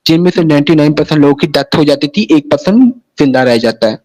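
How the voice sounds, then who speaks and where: A man's voice: on the high side, very animated, brisk, darkish tone, poor audio. A man from Pakistan, telling his personal story in an interview in a rambling way, often repeating the same tag phrases. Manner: rambling, keeps repeating "sahi hai na" and restarting phrases. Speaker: interview guest.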